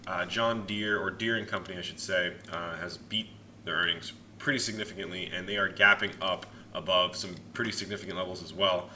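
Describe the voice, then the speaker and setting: A man's voice: sits low, steady tone, fairly quick, bright, forceful tone. A young man giving casual, chatty market commentary to his viewers in an informal way, hedging his opinions as he goes. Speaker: host of a stock market analysis channel. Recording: faint background noise.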